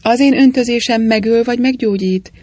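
A woman voicing a gentle, clumsy male priest detective in an audiobook reading, speaking mildly and calmly. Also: on the high side, natural voice. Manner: mild, mournful, quietly calm.

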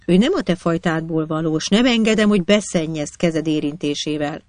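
A fierce, protective desert woman, voiced by a narrator, scolds with trembling passion. Her voice sits in a middle range and sounds raised and forceful. The recording is dry and close. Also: mid-range voice, dry recording, lightly acted.

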